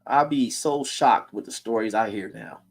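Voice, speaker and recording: A man's voice: fairly low pitch, moderate pace. A man hosting a casual streamed talk, blunt and preachy, in heated street slang. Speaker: host.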